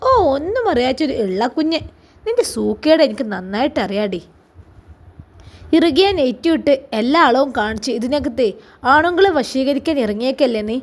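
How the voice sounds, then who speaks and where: A woman's voice: high voice, expressive, normal speed. A woman voicing a jealous, spiteful sister-in-law who sneers and hisses her accusations. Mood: sneering. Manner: sneering, hushed and hissing.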